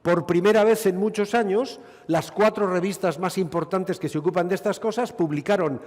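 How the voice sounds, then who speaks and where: With a high, darkish voice at a moderate pace, a middle-aged Basque gynecologist from Spain gives an expansive conference talk. He's witty and rhetorical, slipping in dry remarks, and the sound carries lecture hall reverb.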